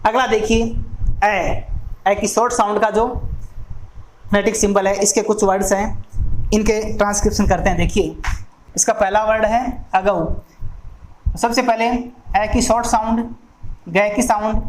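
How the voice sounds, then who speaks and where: A woman teaching an exam-prep phonetics lesson, going through each sound slowly and deliberately. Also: mid-range voice, steady tone. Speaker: English teacher. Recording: echoey room with faint noise.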